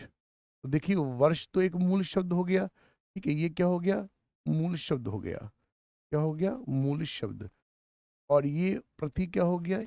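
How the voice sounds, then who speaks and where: A man teaching a grammar lesson, asking rhetorical questions and answering them himself, slowly spelling out word parts and repeating key terms. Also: a little high, vocal fry, warm tone, no room sound, clean studio sound. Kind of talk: classroom lecture.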